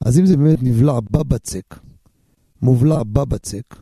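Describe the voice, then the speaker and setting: Male rabbi on radio, gravelly dark voice, husky, emphatic storytelling. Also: mid-range voice, no room sound, clean studio sound. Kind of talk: radio sermon and call-in answers.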